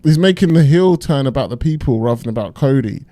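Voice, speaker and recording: A man's voice: mid-range voice, animated, fast, warm tone, no room sound. A man giving casual, off-the-cuff reaction commentary, slangy and musing aloud as he goes.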